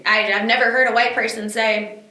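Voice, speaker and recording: Co-host, woman, bright forceful voice, opinionated, echoey room. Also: fairly high pitch, flat delivery, a little fast. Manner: opinionated, rhetorical questions. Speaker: podcast co-host. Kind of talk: casual discussion.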